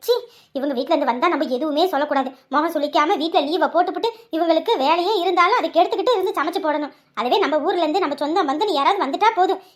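Woman playing a fed-up young wife, very high, rapid comebacks. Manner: exasperated, talking back. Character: put-upon young wife, defiant and exasperated. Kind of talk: family drama acting.

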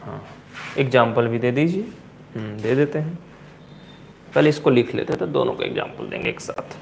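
A man with a Bihari accent teaching physics in a coaching classroom, repeating key terms slowly and asking and answering his own questions. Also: medium pitch, lively intonation, gravelly, darkish tone, slight background noise. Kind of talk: classroom lecture at a board.

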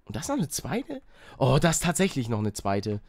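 A young man doing excitable Let's Play commentary, yelping at failures and mixing in English slang. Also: medium pitch, brisk, no echo. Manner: excitable, shouts and yelps at failures; mixes English slang into his talk. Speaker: gaming YouTuber.

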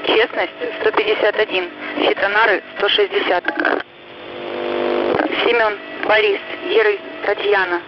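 Radio operator over a muffled field radio link. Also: medium pitch. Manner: steady, measured spelling of call-sign words and numbers, repeated in blocks. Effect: transmitted over a field radio link. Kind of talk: radio voice procedure, dictating coded groups. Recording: muffled radio with loud static.

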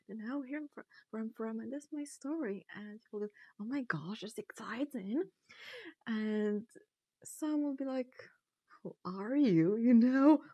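Recorded dry on a lapel mic, a young adult woman from Morocco, a native Arabic speaker, chats casually as a newcomer being interviewed. Her voice sits a little high, and she's animated, laughing often and playfully quoting other people.

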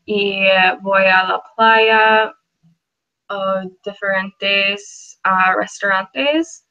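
Very slow young woman, dull webcam. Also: medium pitch, steady tone, bright, forceful tone. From Minnesota, USA. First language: English. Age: young adult. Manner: hesitant, self-correcting with fillers. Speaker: Spanish student. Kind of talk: scripted class oral exchange. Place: small room indoors. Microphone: webcam at desk.

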